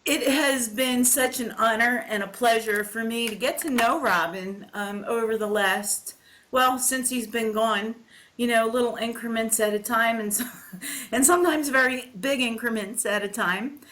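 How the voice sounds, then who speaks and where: A woman's voice: on the high side, normal speed, a bit bright. A woman hosting a casual chat show, telling stories with frequent giggles. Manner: giggly, chatty storyteller. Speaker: host.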